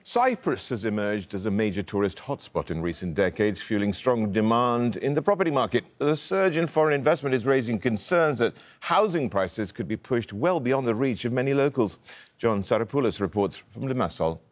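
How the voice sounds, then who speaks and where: A male news anchor reads scripted headlines with a steady, measured delivery. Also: medium pitch.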